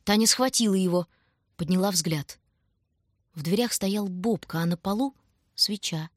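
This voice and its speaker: A woman narrating an audiobook in a measured, even storytelling manner. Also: medium pitch, dry recording, studio quality.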